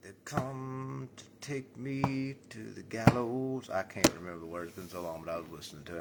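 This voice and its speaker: Deep-voiced man rambling a spiritual talk. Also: background noise. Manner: swings between loud bursts and mumbled asides; blunt, jokey, colloquial. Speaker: spiritual vlogger.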